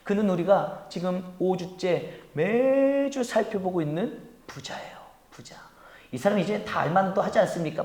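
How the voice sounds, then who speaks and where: Pastor, male, high voice, lively sermon delivery that swings from soft to loud, echoey church hall. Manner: swings from hushed to loud, calling out to the congregation; acts out pleading voices in quoted prayers. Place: church sanctuary.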